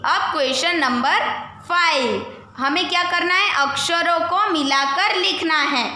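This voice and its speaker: A woman teaching young children a Hindi lesson, stretching out each syllable slowly and asking them to repeat. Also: very high voice, sharp tone, very echoey. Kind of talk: primary school Hindi lesson. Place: school classroom.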